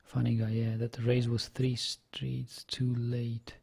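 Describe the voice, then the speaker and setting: His mid-range voice is completely flat and slow, with vocal fry, a slightly rough texture and a little mellowness. A young native Czech speaker from the Czech Republic with a Czech accent, he thinks aloud while casually commentating online poker and reading chat, hesitant and full of fillers.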